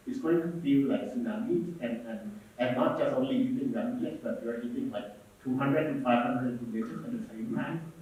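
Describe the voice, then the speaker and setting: A man's voice: mid-range voice, mellow. A man interviewing on stage, asking a long rambling question with many fillers. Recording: echoey hall, speaker far from mic.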